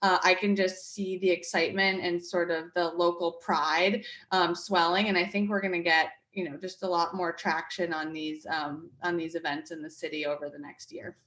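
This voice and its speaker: A woman's voice: on the low side, little pitch movement, normal speed, few pauses, a bit bright, roomy sound. A woman in her thirties from Connecticut, a guest talking about her market project in a chatty interview, with lots of fillers and restarts. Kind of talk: conversational interview.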